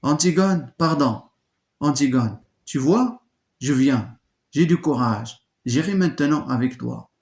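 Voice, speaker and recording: A man's voice: medium pitch, slow, darkish tone. A man reading aloud the part of a young frightened sister who pleads, voice raised, in an echoey room. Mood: pleading.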